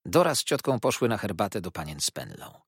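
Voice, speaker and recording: A man narrating a classic novel as an audiobook, in a measured, expressive reading. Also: fairly low pitch, breathy edge, no room sound, studio quality.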